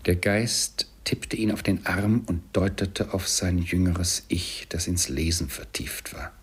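Deep, husky man reading an audiobook. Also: steady tone, slow. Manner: soft, often breathy storytelling with whispered passages. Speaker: narrator. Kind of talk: scripted audiobook narration.

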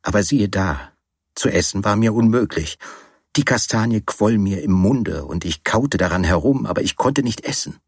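A man reading from a novel on the radio in a calm, measured storytelling manner. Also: lowish voice, husky, dry recording. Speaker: reader. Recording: dry studio.

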